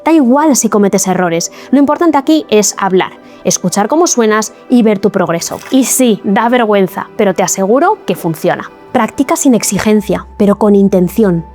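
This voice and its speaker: A woman giving a scripted video lesson as an English teacher, explaining each step clearly and encouragingly. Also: medium pitch, expressive, normal speed, few pauses, darkish tone, faint music behind.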